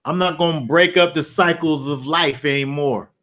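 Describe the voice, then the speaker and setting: A man hosting a Bible study discussion, chatting casually and telling loose, animated stories, acting out scenes with playful sound effects. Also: on the high side, moderate pace. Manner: loose, rambling with restarts. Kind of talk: casual chat.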